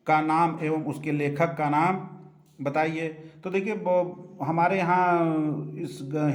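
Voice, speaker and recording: Hindi teacher in an echoey room. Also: male voice, a little high. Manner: explanatory, addresses students with "dekhiye"; frequent fillers and self-corrections. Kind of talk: exam paper solution lesson.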